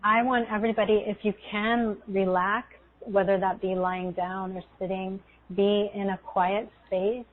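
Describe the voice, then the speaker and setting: A woman speaks as a spiritual meditation guide, soothing and unhurried. Her pitch stays level and her phrases come slowly, with pauses between them. The sound is thin and narrow, like a phone call. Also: level tone. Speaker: guest energy healer leading a guided meditation. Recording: tinny, phone-like call audio.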